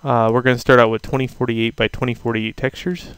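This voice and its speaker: A man teaching a software tutorial over a screen recording, talking casually and thinking aloud with fillers. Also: mid-range voice, level tone, fast talker, smooth, dry recording. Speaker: instructor.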